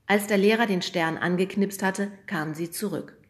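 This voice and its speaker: A woman's voice: medium pitch, moderate pace. Woman reading a children's book aloud. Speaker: reader.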